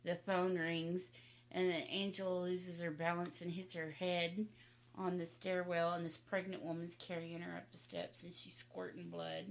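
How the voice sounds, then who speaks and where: A woman's voice: on the low side, level tone, moderate pace. A woman telling a rambling family story as podcast host, with many asides. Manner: rambling, laughing, frequent asides.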